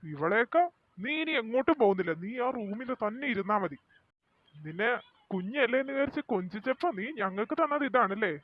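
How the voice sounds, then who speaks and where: A man's voice: high-pitched, expressive, fairly quick. A man playing an angry, strict middle-aged father who scolds harshly. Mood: furious. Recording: dry tinny lo-fi sound.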